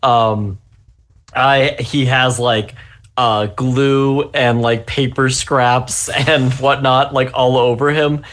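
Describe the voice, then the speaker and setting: A man's voice: mid-range voice, steady tone, takes it slowly, a bit bright. Easygoing man describing his character. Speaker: player. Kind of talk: casual play narration.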